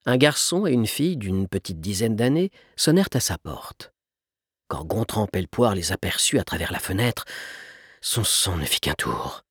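A man reading a story aloud as an audiobook narrator in an expressive, animated way. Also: low voice, breathy edge, no room sound, studio quality.

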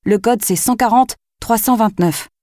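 A woman's voice: on the high side, normal speed, a little mellow, no room sound, studio quality, pitched above the performer's own voice, lightly acted. A woman voicing a nervous young man from a security company, speaking hesitantly. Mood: urgent.

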